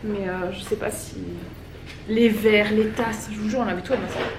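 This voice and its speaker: A woman's voice: medium pitch, fairly even intonation, normal speed. A woman in her thirties from France, chatting casually and rambling to camera at home while folding laundry. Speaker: vlogger. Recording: roomy echo, distant mic, background noise.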